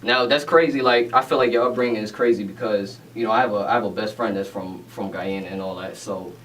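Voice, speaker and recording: Speaking fast in a lowish, fairly bright voice, a male radio DJ runs a laid-back interview. He's upbeat, constantly affirming and saying "you know what I'm saying." The mic is distant, with faint room noise in the background.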